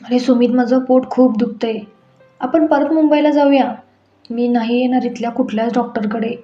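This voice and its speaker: A woman's voice: a little high, level tone, normal speed, natural voice. A woman voicing a plaintive young wife. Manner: plaintive, feigning pain. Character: young wife, faking pain, troubled and tearful. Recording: echoey room, dull sound, faint music.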